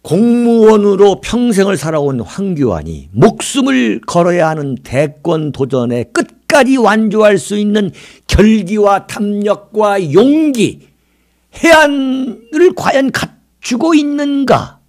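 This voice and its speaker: A South Korean man in his sixties hosts a political commentary show, delivering a monologue in a high voice that swings widely in pitch. He talks slowly and animatedly, a little mellow, using an orator's dramatic emphasis and rhetorical questions.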